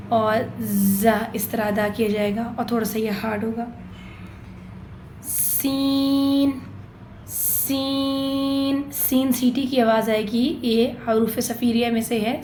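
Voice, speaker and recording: Woman tajweed teacher, patient, stretching each letter out slowly, pitched a little high, in an echoey room. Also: a little mellow, a little hiss or hum. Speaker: Quran recitation teacher. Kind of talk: tajweed lesson.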